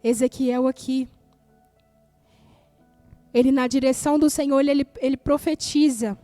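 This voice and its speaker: Woman pastor, Brazilian accent, high warm voice, emphatic repetitive sermon delivery. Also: steady tone, a little slow, dry recording, faint music behind. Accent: Brazilian Portuguese. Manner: emphatic, repeats key phrases for effect.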